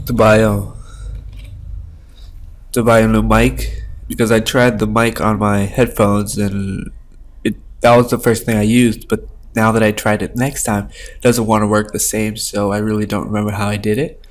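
A man casually narrating his gameplay with rambling, profane commentary, his voice coming through the low-quality audio of a webcam microphone at his home computer. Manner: rambling and profane, thinking aloud while playing. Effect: low-quality stream audio from a webcam mic. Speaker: Minecraft let's-play streamer.

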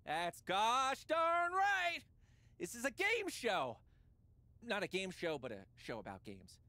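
Game cast: a peppy, pushy talent agent, bouncy lively pitch, dry studio sound. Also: female voice, slow, no echo, full character voice. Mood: upbeat. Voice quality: bubbly, salesy. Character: fast-talking showbiz agent Alfie, upbeat. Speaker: game character.

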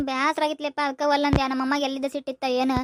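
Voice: little pitch movement, slight background noise, lightly acted. A voice actor playing a cheeky, lazy village boy who is always hungry, speaking with a North Karnataka Kannada accent in a cartoon. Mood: sulky. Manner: quick, high and squeaky, bickering. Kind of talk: cartoon voice acting.

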